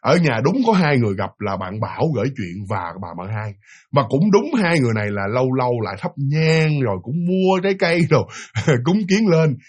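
A man's voice: medium pitch, sing-song, brisk, breathy edge. A man with a Southern Vietnamese accent telling a ghost story in a chatty way, speaking directly to his listeners. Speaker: storytelling channel host. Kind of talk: casual spoken ghost story.

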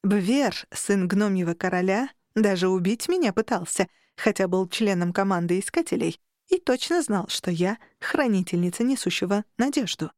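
Woman narrator, first-person audiobook, expressive, wry, dead-dry studio sound. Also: medium pitch, moderate pace, no room sound.

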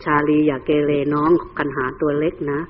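A man voicing a grieving young royal mother who quietly and slowly pleads with her children and husband. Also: on the high side, little pitch movement, long reverb tail, pitched below the performer's own voice, natural voice. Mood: anxious. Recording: tinny phone-like recording.

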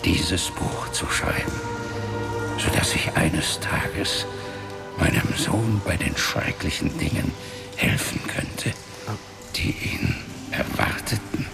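Over loud background music, a fantasy radio-drama actor voices an ancient, powerful wizard father from a magical race in an exaggerated way. He tells his story gravely and slowly, his very low voice gravelly and breathy like a half-whisper, in a recounting, solemn mood.

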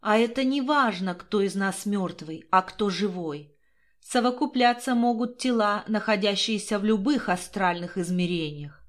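A woman voicing the ghost of a dead young woman, slow, calm and coaxing. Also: mid-range voice, natural voice.

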